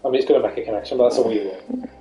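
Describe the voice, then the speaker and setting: A man's voice: mid-range voice, steady tone, very fast, mellow, highs cut off, soft background music. A man casually chatting and joking while playing a detective game, swearing now and then. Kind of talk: casual gameplay chat.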